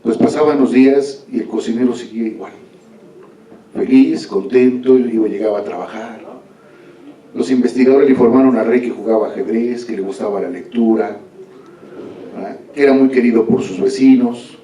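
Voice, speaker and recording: Guy storytelling at a book talk, chatty, keeps asking "no?", mellow voice, echoey big hall, far from the mic. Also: mid-range voice, normal speed. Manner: conversational, with frequent "¿no?" tags. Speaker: author presenting his book. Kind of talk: oral storytelling to an audience. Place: large formal hall.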